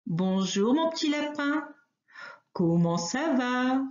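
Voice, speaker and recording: A woman's voice: high voice, big pitch swings, slow pace, a little mellow, voice pushed up, heavily acted. A woman voicing a vain, bullying male wolf in a storybook reading, boastful and growling. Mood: sly. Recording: roomy, slightly dull recording.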